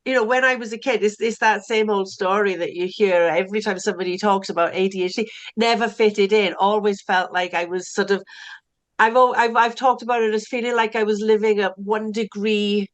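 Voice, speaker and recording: Speaking with a Welsh accent, this middle-aged South Wales woman is a recovery coach appearing as a guest in a relaxed podcast interview. She talks a little fast at medium pitch with fairly even intonation, frequently repeating words as each thought begins.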